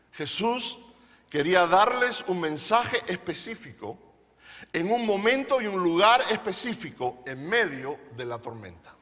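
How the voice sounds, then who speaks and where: A man's voice: sits high, big pitch swings, a little slow, pushed and bright, long reverb tail. A male pastor preaching a sermon to a congregation, emphatic and playful, often asking them questions. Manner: playful, jokes with the audience. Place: church service.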